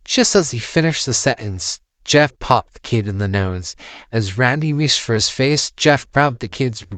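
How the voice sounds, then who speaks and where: A man's voice: medium pitch, unhurried, a bit bright, dry recording. A man narrating a horror story, reading it aloud as a storyteller.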